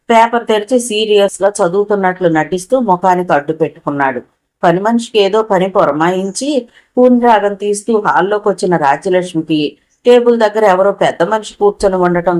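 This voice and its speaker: A woman's voice: medium pitch, darkish tone. Woman reading a novel aloud. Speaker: audiobook narrator.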